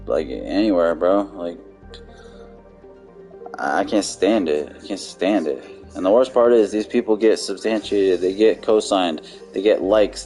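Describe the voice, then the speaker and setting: A man's voice: sits low, darkish tone. A man ranting on a live game stream, heated and profane, repeating himself as he argues. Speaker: gaming streamer.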